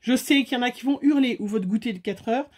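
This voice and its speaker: A woman's voice: fairly high pitch, quick pace, a little mellow. A woman hosting a casual crafting tutorial, chatty and full of fillers, talking straight to her viewers. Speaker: craft video host.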